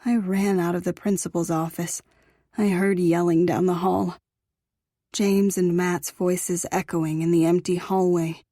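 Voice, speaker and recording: A woman's voice: lowish voice, level tone, unhurried, mellow, no echo, clean studio sound. A woman narrating a first-person romance audiobook in an intimate, emotional reading.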